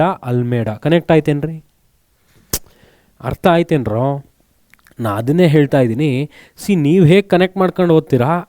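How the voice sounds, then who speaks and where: Male tutor, mid-high mellow voice, quizzing students and answering himself, close dry mic. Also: dry recording. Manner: asks students questions, then answers them himself; mixes English words into his speech. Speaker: teacher. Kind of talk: exam-prep lesson with memory tricks.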